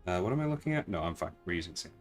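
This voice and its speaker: Soft music plays behind a man with a low, sing-song voice who talks at a racing clip. He's a game designer hosting a casual livestream, chatting with viewers and explaining the game's mechanics as he plays.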